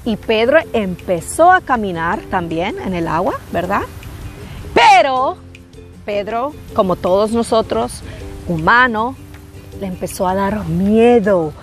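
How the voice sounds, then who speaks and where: A woman teaching a children's Bible class outdoors by a lake, telling the story in an animated way and often checking in with the kids. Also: medium pitch, takes it slowly, soft background music. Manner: animated, frequent tag questions to the kids.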